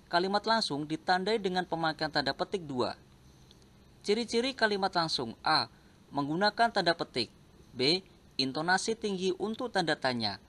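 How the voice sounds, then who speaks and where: A man reading out a grammar lesson in an even, list-like way. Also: high voice. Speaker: teacher.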